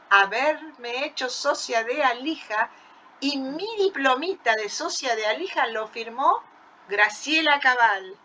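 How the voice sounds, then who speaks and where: A woman's voice: sits high, lo-fi sound, slight background noise. An older woman with an Argentine accent, coordinating a reading workshop and sharing admiring memories with many restarts. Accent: Argentine Spanish. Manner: warm admiring, with frequent restarts. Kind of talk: informal remarks in an online workshop.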